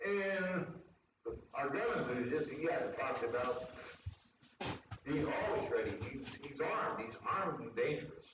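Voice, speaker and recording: A man's voice: medium pitch, expressive, unhurried. Lay preacher, male, folksy storyteller; very echoey room, distant dull mic, faint hiss. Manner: homespun, rambling storyteller who laughs at his own jokes. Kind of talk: folksy sermon with jokes.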